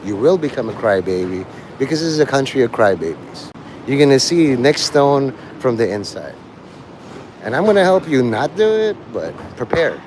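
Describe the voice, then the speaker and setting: This man's mid-range voice has a sing-song lilt at normal speed as he streams live, drifting through a loose, profane, blunt monologue for listeners. Outdoor traffic and vehicle sounds come through clearly.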